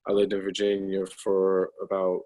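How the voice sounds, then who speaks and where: A man's voice: low voice, monotone, moderate pace, mellow, poor audio. A man in his thirties, a guest talking casually over a video call, hesitant, with many ums and restarts. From United States. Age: 30s.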